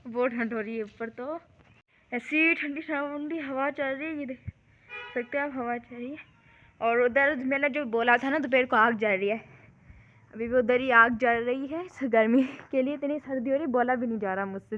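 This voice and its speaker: A young woman with a slightly high voice chats into a handheld phone on an open rooftop at night, with the wind blowing. She keeps talking while she shivers, and her throat is sore. This is an easygoing, casual vlog delivery. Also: moderate pace, lo-fi sound. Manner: chatty, talks while shivering in the cold. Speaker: vlogger. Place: rooftop outdoors at night, windy.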